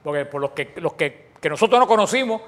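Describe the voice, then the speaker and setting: A man preaching a sermon, asking his listeners questions and answering them himself, often restarting his phrases and swinging between loud and soft. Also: a little high, lively intonation, fairly quick.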